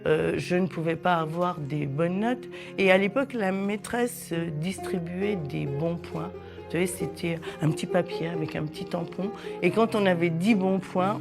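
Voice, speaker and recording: A woman in her sixties, born in southern Italy with Italian as her first language, recounting her childhood in a halting, reflective way with many pauses. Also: fairly low pitch, creaky. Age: 60s. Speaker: interviewee. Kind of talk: personal testimony in a documentary.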